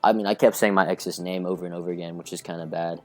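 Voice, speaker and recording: A man's voice: low voice, fairly even intonation, fast talker, faint music behind. A young man telling a long rambling story in casual podcast chat, full of fillers and laughter. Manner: rambling, filler-heavy, laughs through stories. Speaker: podcast guest.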